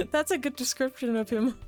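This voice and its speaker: A woman streamer reads a visual novel aloud and chats about it, laughing often between lines. Her voice sits a little high, with faint game music underneath. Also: sing-song, normal speed.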